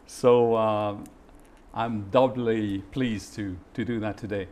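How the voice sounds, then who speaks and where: A man hosting a formal interview, speaking politely and carefully, with frequent pauses. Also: on the low side, fairly even intonation, darkish tone. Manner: measured and polite, with frequent hesitations.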